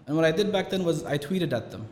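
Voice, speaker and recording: A man, a company founder telling his story as an interview guest in lively, casual chat full of quoted asides. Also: a little high, slight background noise. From Canada. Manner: fast, animated storytelling with many likes and quoted asides. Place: event venue in Dubai. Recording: roomy hall reverb.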